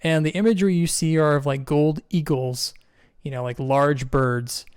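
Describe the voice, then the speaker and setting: A man's voice: on the high side, fairly even intonation, normal speed, darkish tone, clear, resonant tone, dry recording, studio quality. A man narrating a tabletop game as game master, describing scenes with many fillers.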